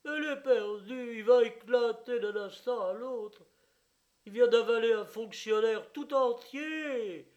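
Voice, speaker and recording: A man voicing a self-pitying German showman who wails loudly in a shrill, lamenting voice. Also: slow pace, highs cut off. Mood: wailing.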